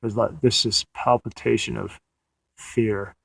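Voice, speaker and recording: A man's voice: lowish voice, little pitch movement, a little slow, creaky, a bit bright, husky, no room sound. A man recounting a dream in a casual, meandering way, often restarting his sentences, sitting in a parked car at night. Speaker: audio diarist.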